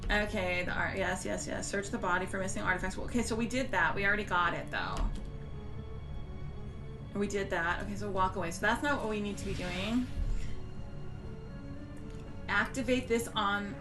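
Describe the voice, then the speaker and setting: A woman's voice: mid-range voice, moderate pace, pauses often. A woman giving casual commentary on a game stream, chatting and thinking aloud as she plays. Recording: music behind the voice. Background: game music.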